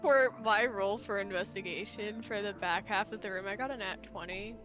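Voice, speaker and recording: A woman's voice: mid-range voice, moderate pace, over music. A woman playing a tabletop game, chatting in a playful, giggly way. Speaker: player. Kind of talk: casual chat while playing a tabletop game.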